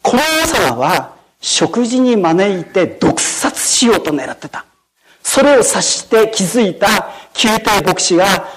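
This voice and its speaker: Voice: medium pitch, poor audio. A pastor delivering a sermon in a formal, explanatory way, often ending sentences with solemn set phrases and asking the listeners questions. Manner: formal preaching with frequent "de arimasu" sentence endings. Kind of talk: sermon with storytelling.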